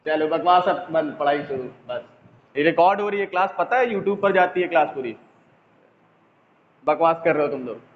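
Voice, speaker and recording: A man's voice: on the high side, measured pace, long pauses. A male physics teacher running an online class from his phone, chatting and jokingly scolding students. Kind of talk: online class, casual teasing. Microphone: mobile phone. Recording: echoey, tinny phone line, faint noise.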